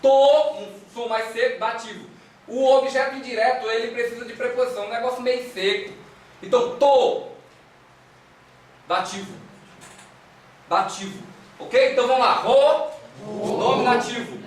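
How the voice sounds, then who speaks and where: A man's voice: extremely high pitch, steady tone, normal speed. A man with a Brazilian Portuguese accent teaching a Greek class, drilling students with repeated syllables and coaxing questions. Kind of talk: classroom lecture. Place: classroom with echo. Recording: echoey room, distant mic, faint hiss.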